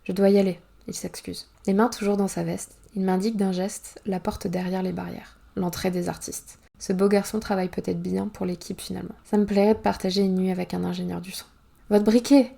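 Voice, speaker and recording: A woman author reading her own novel aloud in first-person narration, calm and even. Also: fairly low pitch, a little fast, creaky, few pauses.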